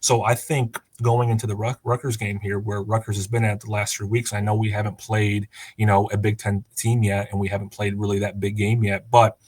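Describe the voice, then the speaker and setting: Relaxed man of thirty, low flat voice. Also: brisk, few pauses, no echo. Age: 30s. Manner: relaxed, chatty, many fillers and restarts. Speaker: guest, former college quarterback. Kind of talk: casual podcast chat.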